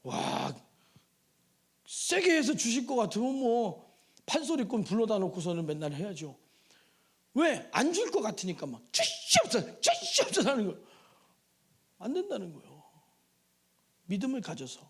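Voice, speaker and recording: A man preaching a midweek sermon in a church, his voice sitting very high and leaping up and down. He throws out rhetorical questions and bursts into shouts for emphasis. He also acts out pleading prayers in a sing-song tone. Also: sing-song, moderate pace, pauses often, husky. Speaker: pastor. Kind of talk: Wednesday evening sermon. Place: church sanctuary.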